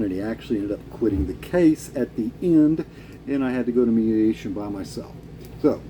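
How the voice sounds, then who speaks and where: A man's voice: mid-range voice, background noise. A middle-aged man with an American accent talking casually and opinionatedly in a blunt, salty biker style. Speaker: vlogger answering a viewer's question.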